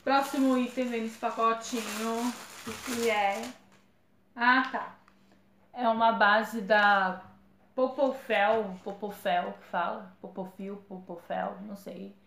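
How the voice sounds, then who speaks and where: A woman's voice: fairly high pitch, fairly even intonation, takes it slowly, fairly bright tone, a little hiss or hum. A woman chatting casually through an unboxing, often stumbling over brand names. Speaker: vlogger. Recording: echoey room, faint ambience.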